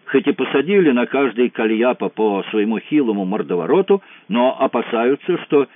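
A man's voice: medium pitch, animated, no room sound, lightly acted. A man doing a sardonic tough army colonel. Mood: sardonic briefing. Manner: slangy, mocking, brisk. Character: brash sardonic male lieutenant colonel, soldier. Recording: tinny phone-like dry sound.

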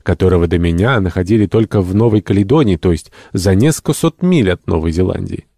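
A man's voice: sits low, lively intonation, fast talker, dark tone, no room sound, studio quality. A man voicing an irritable, eccentric middle-aged male entomologist who speaks in a fussy, pedantic, indignant way, raising his voice.

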